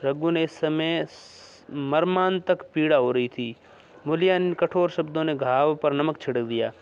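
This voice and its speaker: A man reading a classic short story aloud in a measured storytelling manner. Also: a little high, clear, resonant tone. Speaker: story reader. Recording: dull lo-fi recording.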